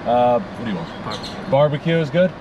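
A man's voice: medium pitch, lively intonation, fast, highs cut off. A man in a car placing a food order at a drive-through speaker, polite and easygoing with a lot of "uh" and "um". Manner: easygoing, polite, with fillers and hesitations. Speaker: hunting vlogger. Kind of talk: casual chat on a road trip. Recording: distant mic with loud car noise.

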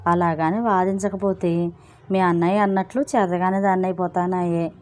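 A woman's voice: on the low side, flat delivery, normal speed, a little mellow, a little hiss or hum, lightly acted. A woman voicing a wry, gossipy wife in a storybook. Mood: complaining. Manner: breezy, gossipy, self-justifying. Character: chatty married woman, wry and complaining.

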